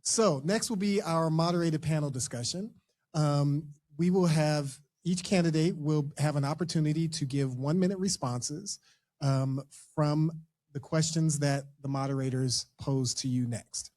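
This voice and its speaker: Fairly high-voiced male moderator. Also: unhurried, a little mellow. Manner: friendly, procedural. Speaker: forum moderator. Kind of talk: moderating a forum.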